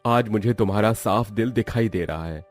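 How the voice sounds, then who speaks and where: A man voicing a gentle, remorseful brother in a cartoon story, speaking softly and sincerely. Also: fairly low pitch, moderate pace, soft background music, natural voice.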